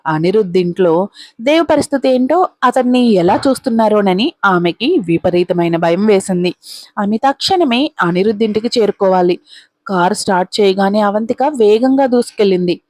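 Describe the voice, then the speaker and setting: A woman storyteller reading a serialized story in a steady, dramatic way. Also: mid-range voice, moderate pace, dry recording. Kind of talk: scripted audio-story narration.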